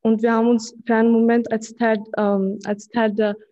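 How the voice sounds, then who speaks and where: Eighteen-year-old woman, flat even delivery, soft mellow tone, reading a statement at a podium mic, slightly dull sound. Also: on the high side, normal speed. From Austria. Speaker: student speaker at a press conference. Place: conference room with banner. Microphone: podium microphone.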